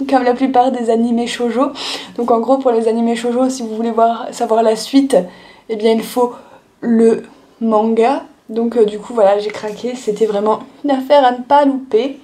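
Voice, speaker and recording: A woman's voice: on the high side, dark tone. A young woman showing her monthly manga purchases in a casual haul video, chatting with frequent fillers and restarts. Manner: chatty, lots of "euh" and "du coup" fillers.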